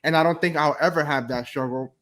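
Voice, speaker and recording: A man's voice: a little high, quick pace, fairly bright tone. A young adult man from New Jersey hosting a casual interview over a video call, rambling and restarting his questions. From New Jersey, USA. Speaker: host.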